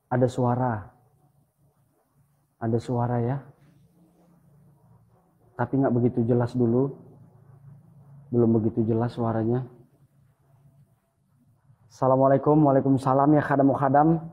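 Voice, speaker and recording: A man hosting a ghost-hunting video, speaking in a hushed, alert way and calling out greetings to spirits. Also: mid-range voice, fairly even intonation, unhurried, long pauses, husky, highs cut off. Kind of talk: live paranormal investigation commentary.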